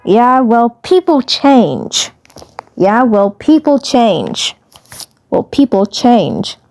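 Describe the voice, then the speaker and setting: A woman's voice: fairly high pitch, big pitch swings, drawn-out words, vocal fry, darkish tone, faint music behind, heavily acted. A woman voicing a nervous, defensive little male alien commander with a terse, hesitant manner, in an amateur cartoon fandub.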